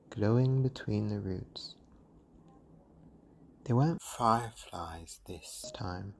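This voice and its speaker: A bedtime storyteller reads scripted, soothing narration extremely slowly in a dark, mellow, medium-pitched voice. Her delivery is hushed, breathy and gentle, with faint noise and soft ambience in the background.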